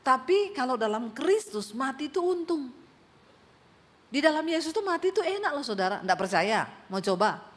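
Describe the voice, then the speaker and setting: High-voiced woman pastor preaching lively. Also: normal speed. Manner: lively storytelling preaching with bursts of emphasis. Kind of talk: sermon.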